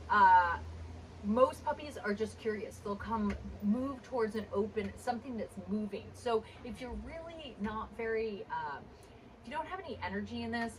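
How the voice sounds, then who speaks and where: A woman's voice: on the high side, a bit bright. A woman working as a dog trainer, explaining a puppy exercise in an informal instructional demonstration. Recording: distant mic, clear background noise.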